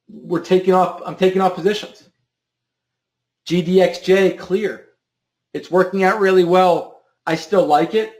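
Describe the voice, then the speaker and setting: Hosting a live options trading stream, this man has a fairly high-pitched voice that echoes around the room. His answer to a viewer's question wanders, full of repeated words and restarted sentences.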